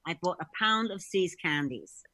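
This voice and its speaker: A woman's voice: on the low side, expressive, moderate pace, pushed and bright, no room sound. A woman chatting over a video call in a rambling way, full of restarts and laughter.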